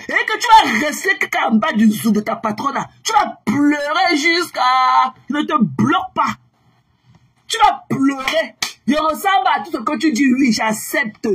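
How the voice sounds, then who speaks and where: A woman ranting angrily on her own livestream, taunting viewers with repeated mocking questions and bursts of shouting. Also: high voice. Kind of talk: angry livestream rant at viewers.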